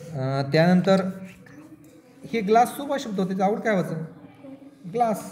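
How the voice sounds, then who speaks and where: A man's voice: sits high, animated, moderate pace, a little mellow, echoey room. A man with a Marathi accent, teaching English spelling and pronunciation to pupils in a classroom, patiently spelling words out letter by letter. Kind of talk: classroom reading lesson.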